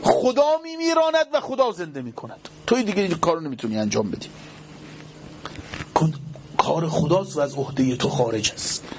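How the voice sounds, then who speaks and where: A man's voice: on the high side, very animated, noisy background. A man preacher voicing a scornful adult man who mocks and doubts a holy figure, in a taunting tone. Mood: mocking. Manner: mocking, needling.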